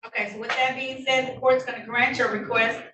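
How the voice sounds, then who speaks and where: A woman judge with a fairly high pitch and flat, brisk delivery reads out charges and rulings in traffic court. She comes across as formal yet friendly. The courtroom recording is roomy and distant, with a faint layer of noise.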